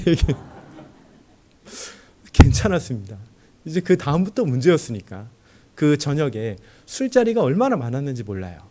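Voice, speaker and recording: Animated young male preacher. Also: mid-range voice. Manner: animated storyteller who acts out dialogue. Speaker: junior pastor. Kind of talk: sermon with personal testimony. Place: church.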